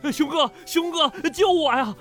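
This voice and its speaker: Super high whiny sleazeball, begging and groveling, with faint music under it. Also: male voice, big pitch swings, unhurried, heavily acted. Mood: panicked pleading. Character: fawning, sleazy, cowardly young man. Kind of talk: audiobook character voice.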